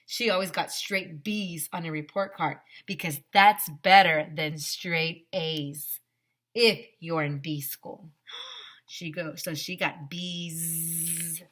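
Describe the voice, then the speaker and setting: Reading a storybook to little kids, this teacher speaks slowly in a low-pitched, somewhat bright voice with fairly even intonation. She's still expressive, leaning hard on emphasis, adding asides, and putting questions straight to the children.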